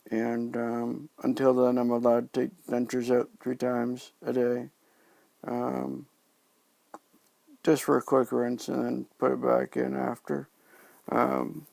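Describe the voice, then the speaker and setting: A man talking in a casual video diary, halting and subdued as he recovers from oral surgery, his speech slightly impeded by new dentures and a sore mouth. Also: mid-range voice, gravelly, a little mellow, no echo. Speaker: vlogger sharing recovery from dental surgery.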